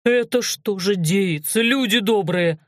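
A woman voicing a timid, frightened male provincial guard in an audiobook, pleading and wailing slowly. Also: lowish voice, a little mellow, dry recording, clean studio sound, natural voice. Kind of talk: audiobook character voice.

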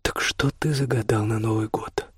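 A confident, teasing man lover in whispered role-play, murmuring low and intimate, as a male reader plays him. The voice is low and husky, close and dry with no room around it. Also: steady tone, moderate pace, dry recording.

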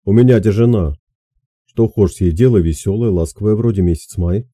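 A man's voice: fairly low pitch, moderate pace, mellow, dry recording, studio quality, natural voice. A man voicing an older peasant woman who gives soothing, homely advice in an audiobook. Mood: advising. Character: older peasant woman, gentle, wise advisor. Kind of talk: audiobook character voice.

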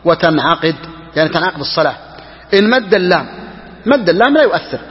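A man teaching religious law as a sheikh, who talks quickly and repeats key phrases for emphasis. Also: high voice, expressive, in a large hall, muffled recording. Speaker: sheikh teaching Hanbali jurisprudence. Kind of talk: religious lesson explaining a text.

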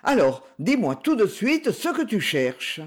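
A reader voicing a gruff, hostile old man in a wheelchair, snapping and sneering. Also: mid-range voice, big pitch swings, measured pace, pitched above the performer's own voice. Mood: surly. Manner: surly, snapping.

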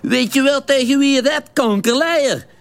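A man voicing an aggressive, thuggish man of about thirty who shouts coarse threats in a radio play. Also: very high-pitched, fairly quick, vocal fry, voice pushed up. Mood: aggressive shouting.

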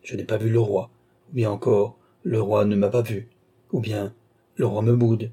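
A man voicing an excitable old baron who is worried and exasperated, with outbursts in a raised voice. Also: on the low side, moderate pace, breathy edge.

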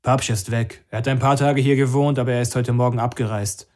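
A man voicing a brash, nervous young man who plays the jovial host, talking loudly and pushily. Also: medium pitch, steady tone, fairly quick, natural voice. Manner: loud, jovial, pushy.

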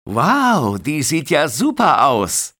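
A man voicing a cocky young male lifeguard who loudly mocks and shouts. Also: fairly high pitch, wildly swooping pitch, takes it slowly, voice pushed up, full character voice. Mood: teasing. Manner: loud, mocking, shouting over noise.

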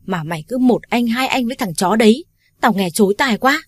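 A woman voicing Ly, a brash, foul-mouthed young woman who bosses her friend around loudly. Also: on the high side, expressive, a little fast, breathy edge, no echo, studio quality, voice pushed up. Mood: angry. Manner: loud, bossy, swears freely.

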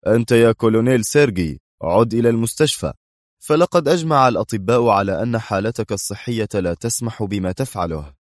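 A man's voice: low voice, brisk, darkish tone, dry recording, clean studio sound, lightly acted. A man reading the part of a stern, commanding male intelligence director in a storybook reading. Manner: curt, commanding, cold.

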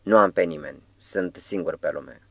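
Audiobook: male reader as a hoarse, timid young prisoner, soft and low. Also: no echo. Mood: meek. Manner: meek, eager answers. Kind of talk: audiobook character reading.

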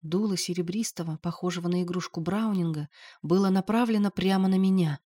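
A woman narrating an audiobook in a lively, expressive storytelling manner. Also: fairly low pitch, a little fast.

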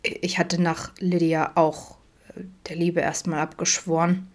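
Woman voicing a gruff, shy reserved man. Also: deep voice, fairly even intonation, unhurried. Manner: curt, hesitant, hushed.

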